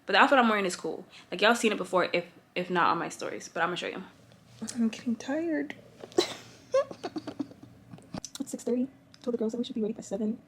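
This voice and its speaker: Young woman, casual vlog chat, slangy and relaxed, talks right to viewers, faint background noise. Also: medium pitch, rapid-fire. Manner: chatty, slangy and relaxed, addresses viewers directly. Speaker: fashion influencer. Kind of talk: casual vlog talk to camera.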